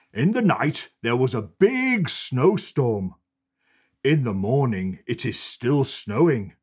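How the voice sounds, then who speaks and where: A performer playing Father Christmas as a jolly, kindly old man, reading a children's storybook in a husky, animated, deliberate way. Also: full character voice. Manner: animated, deliberate storytelling with big pitch swoops.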